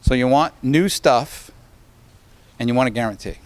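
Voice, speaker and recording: A man's voice: mid-range voice, moderate pace, dry recording. Man explaining at a board meeting. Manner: conversational, walks through examples, keeps checking with "okay?". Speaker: energy consultant advising a school board. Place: school board meeting room.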